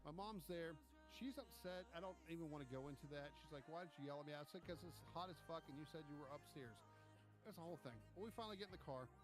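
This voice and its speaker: A man telling a long trip story in casual chat, animated and profane, acting out what people said. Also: fairly high pitch, fast, music in the background. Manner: animated, profane, acts out quotes. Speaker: podcast co-host.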